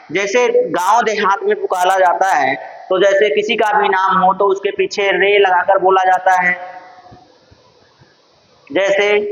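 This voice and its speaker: A male teacher with a Purvanchal Hindi accent and a high, slightly bright voice gives an exam-prep lesson on Sanskrit sounds. He treats viewers as friends and keeps posing questions he then answers himself. The recording has a dull, lo-fi quality.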